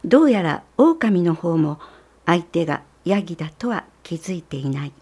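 A woman narrating a children's storybook in a calm, measured way. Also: lowish voice, breathy edge.

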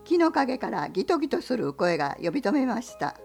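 A woman reading a picture book aloud as a guest reader, gentle and unhurried. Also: fairly high pitch, big pitch swings, creaky, faint music behind.

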